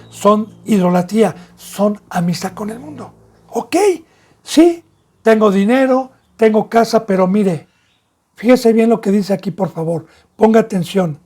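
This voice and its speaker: A man, a pastor giving an emphatic sermon that leans into vivid storytelling. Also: high voice. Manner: emphatic preaching, acting out shouted scenes.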